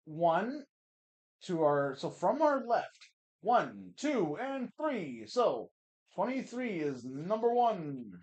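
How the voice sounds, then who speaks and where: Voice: medium pitch, very animated, takes it slowly, darkish tone. A gaming streamer giving casual let's play commentary, swearing often, with sudden frustrated outbursts and chatty asides to the audience. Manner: laughs easily, chatty asides.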